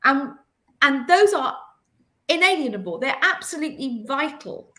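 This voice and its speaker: A woman hosting a panel discussion, talking in an animated, emphatic way with many restarts. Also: high voice, moderate pace. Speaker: host.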